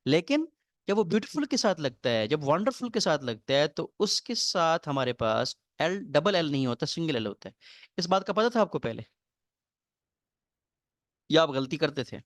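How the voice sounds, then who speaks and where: A male English teacher, lecturing to a class on spelling rules, reading rules slowly and explaining them in quick asides. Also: on the high side, very animated, no echo. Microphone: recorded lecture mic.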